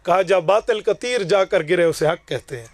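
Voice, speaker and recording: A man preaching with a high, ringing voice, forceful and declaiming as he acts out quarrels from his own stories. The sound is dry and close, with little room around it. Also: dry recording. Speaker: Islamic preacher. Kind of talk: fiery sermon to a gathering.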